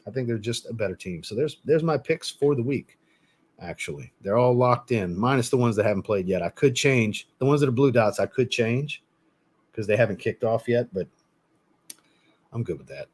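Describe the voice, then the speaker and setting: A man's voice: medium pitch, animated, moderate pace, a little mellow, husky. A man chatting off the cuff on a live stream, rambling from point to point with a middling voice. He is blunt and swears casually, and he often restarts or repeats a phrase as he goes. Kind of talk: casual live chat commentary.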